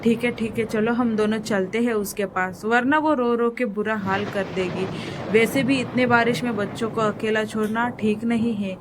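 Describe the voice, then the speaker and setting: A woman voicing a calm, patient father sparrow in a cartoon story. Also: fairly high pitch, normal speed, background noise, natural voice. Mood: decisive.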